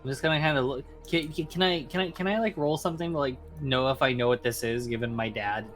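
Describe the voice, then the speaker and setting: A man playing a tabletop game, chatting in character in a playful, excitable, casual way. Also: medium pitch, quick pace, soft background music. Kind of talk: casual role-play chat.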